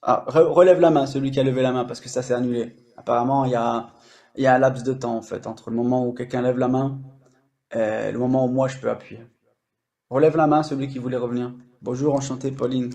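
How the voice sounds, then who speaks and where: A man's voice: mid-range voice, steady tone, brisk, dark tone. A French-speaking man hosting a language-learning live stream, explaining casually with many fillers and restarts.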